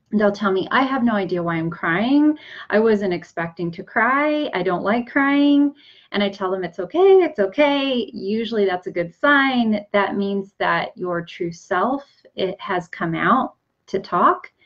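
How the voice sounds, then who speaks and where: A woman coach explaining manifesting in a casual, unhurried talk, with many fillers and restarts. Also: mid-range voice, highs cut off. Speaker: energy coach.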